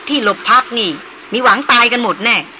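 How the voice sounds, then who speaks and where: A woman reading an audiobook voices a spirited, sharp-tongued young woman who scolds and teases her companions. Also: fairly high pitch, a little hiss or hum, voice pushed up. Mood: teasing. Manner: scolding, quick retorts.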